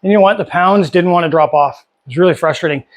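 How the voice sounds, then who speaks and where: A man's voice: high-pitched, fast talker. A man in his fifties talking casually and candidly to camera as a vlogger, with many fillers and restarts. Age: 50s. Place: home workshop.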